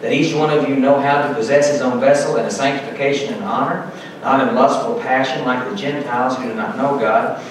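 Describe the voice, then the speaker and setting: Middle-aged pastor preaching in an echoey church. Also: male voice, mid-range voice, steady tone, a little fast, recorded from a distance, a little hiss or hum. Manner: earnest preaching, reading scripture aloud with emphasis. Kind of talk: sermon. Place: church sanctuary, indoors, at a pulpit.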